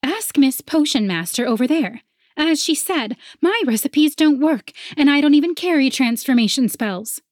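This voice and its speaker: A shrill, snooty potion seller from a storybook, scheming and haughty, her voice pushed very high, as a woman narrator puts her on. Every line comes out sharp and superior in a dry, close recording. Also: lively intonation, moderate pace, no room sound.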